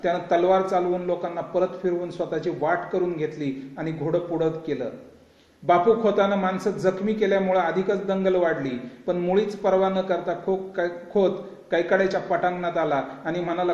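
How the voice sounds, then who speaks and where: A man's voice: high-pitched, fairly even intonation, normal speed, a little mellow. A man giving a vivid, dramatic reading of a novel, in a roomy, dull lo-fi recording. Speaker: reader.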